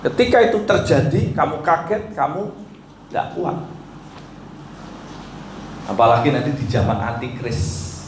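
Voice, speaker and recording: A man's voice: fairly high pitch, big pitch swings, unhurried, long pauses, slight background noise. A male pastor preaching a sermon, urging listeners with rhetorical questions and rising, emphatic lines. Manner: exhorting, asks the congregation rhetorical questions. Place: church hall. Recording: echoey hall, mic from far off.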